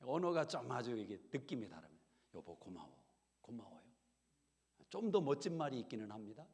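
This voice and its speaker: A man's voice: mid-range voice, big pitch swings, quick pace, darkish tone. A middle-aged male pastor preaching a sermon in a conversational, humorous way. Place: church sanctuary. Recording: long hall reverb.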